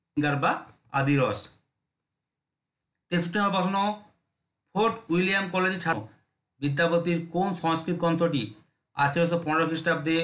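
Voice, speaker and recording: Brisk male tutor, slightly high voice, drilling quiz answers, echoey room. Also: fairly bright tone. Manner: brisk, drilling, repeats checks with listeners. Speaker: exam-prep teacher. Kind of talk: rapid MCQ exam lesson.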